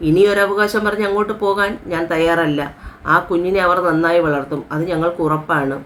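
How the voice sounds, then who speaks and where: A woman's voice: on the low side, steady tone, brisk, slight background noise, natural voice. A woman voicing a stern, angry middle-aged father who scolds his daughter in a story. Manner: harsh scolding.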